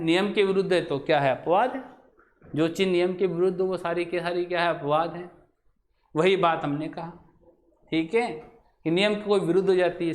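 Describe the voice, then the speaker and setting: A man teaching Hindi grammar in a classroom lecture. He asks the class questions, answers them himself, and says example words over slowly to show how they sound. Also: on the high side, a bit bright.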